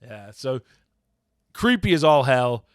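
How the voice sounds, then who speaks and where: A man chats casually on a podcast, recapping stories and often stopping mid-sentence to hunt for the right word. His voice sits at a middle pitch. The sound is dry and close, with no room echo. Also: very animated, slow, clear, resonant tone. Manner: rambling, searches for words, recaps plots. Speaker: podcast host. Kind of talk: casual chat.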